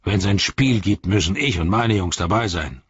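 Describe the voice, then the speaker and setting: A man putting on a sly sneering orc soldier, very deep and husky, drawling slow and mean, heard on a dull lo-fi audiobook track. The voice is dry and close, with no room around it. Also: animated, dry recording, full character voice. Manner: slow, heavy, sneering delivery.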